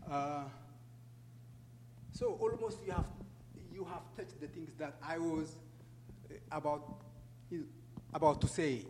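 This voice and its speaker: Speaking haltingly in a slightly high, darkish voice, a middle-aged or older man with an Ethiopian accent addresses an audience as a guest speaker advocating for refugees, posing questions to listeners. The reverberant hall is noisy, with clear background noise and hum.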